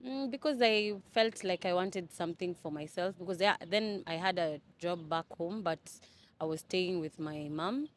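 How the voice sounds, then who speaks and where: A young woman from Kenya, speaking in a fairly low register. She answers interview questions in a casual, halting way, full of restarts and fillers. A faint hum of background noise sits under her voice. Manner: hesitant, many fillers and restarts. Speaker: interview guest. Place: Dubai.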